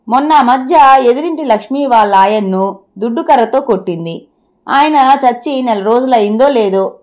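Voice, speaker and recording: A woman's voice: fairly high pitch, a little mellow, close to an everyday voice. A woman voicing a blunt scheming wife. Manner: blunt, insistent. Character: scheming sharp-tongued wife, matter-of-fact.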